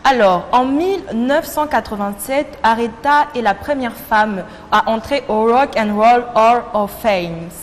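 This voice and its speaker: A woman's voice: a little high, a little slow, few pauses, slight background noise. A young woman from Congo hosting a casual TV chat show, talking in a playful, chatty way and laughing at herself. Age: young adult. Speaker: TV show host. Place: TV studio. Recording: long reverb, faint ambience.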